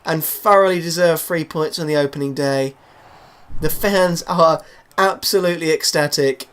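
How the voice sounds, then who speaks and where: A man commentating over his own football video game, calm and low between plays and bursting into loud excitement at goals. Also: normal speed, clean tone. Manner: excitable, shouts goals then drops to a low murmur. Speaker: gaming YouTuber.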